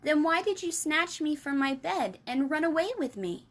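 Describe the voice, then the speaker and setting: A woman's voice: sits high, lively intonation, normal speed, a bit bright, voice pushed up. A woman voicing a polite, curious, plucky little girl in a children's storybook reading. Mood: nervous, questioning. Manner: questioning, polite.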